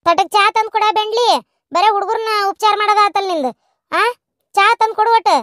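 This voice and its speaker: Cartoon mother-in-law, woman voicing: nagging, bossy, North Karnataka Kannada accent, very high. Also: no echo, studio quality. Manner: sharp, nagging, rapid scolding. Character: bossy older village mother-in-law, scolding. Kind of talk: cartoon voice acting.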